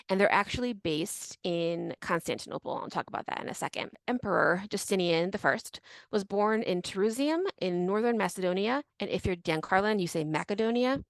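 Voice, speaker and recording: A young woman co-hosting a podcast casually tells a history story, laughing often and using many fillers. Her voice is mid-range, and the recording is dry.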